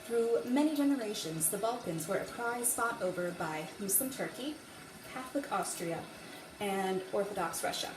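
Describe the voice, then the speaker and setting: A woman host reading a history book aloud in a theatrical, deliberate way. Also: mid-range voice, expressive. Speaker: host of a dramatic reading series. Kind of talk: dramatic book reading with casual asides. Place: echoey room beside a running faucet. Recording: echoey, distant mic, running tap water noise. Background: running tap water.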